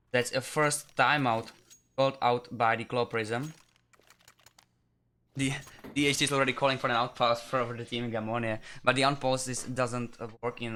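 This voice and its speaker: A man calling a live esports match in steady play-by-play, often correcting himself mid-sentence. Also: medium pitch. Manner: steady running commentary with frequent self-corrections. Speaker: esports caster. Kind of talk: live play-by-play game commentary.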